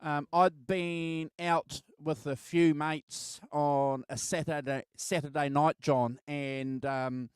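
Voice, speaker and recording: Smooth, higher-voiced middle-aged man chatting. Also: fairly even intonation, no echo. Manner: halting, repeats words and stumbles. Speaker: host of a music album show. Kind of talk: casual chat, personal reminiscence.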